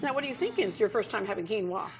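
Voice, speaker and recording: A woman's voice: mid-range voice, very animated, rapid-fire. A woman hosting a morning TV show, bubbly and teasing, laughing often as she chats with guests in a studio. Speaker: TV show host. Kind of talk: lively morning TV chat. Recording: lo-fi TV audio with audience and noise.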